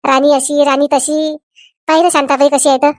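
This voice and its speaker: A woman plays a chatty, scolding village aunt in a cartoon. She talks on and on in a high voice. The sound is close and dry. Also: flat delivery, moderate pace, no room sound, lightly acted. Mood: gossipy. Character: gossipy middle-aged village aunt, meddling. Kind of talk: cartoon voice acting.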